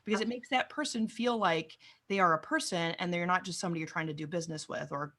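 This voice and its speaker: Woman guest, talkative and jokey, quick-paced delivery. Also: fairly low pitch, a bit bright. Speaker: podcast guest, cloud advocate. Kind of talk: conversational interview.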